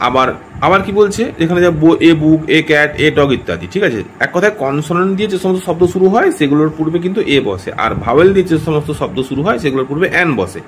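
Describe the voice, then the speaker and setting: A man's voice: fairly high pitch, expressive, very fast, slight background noise. A man teaching a grammar lesson, often checking in with his listeners and repeating himself as he corrects his wording. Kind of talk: explanatory lesson.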